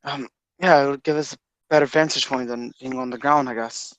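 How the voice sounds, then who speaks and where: A man playing a tabletop game, casual and halting, often restarting his sentences. The recording is dry and close, and his voice sits at a mid pitch. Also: steady tone, no room sound. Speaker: player.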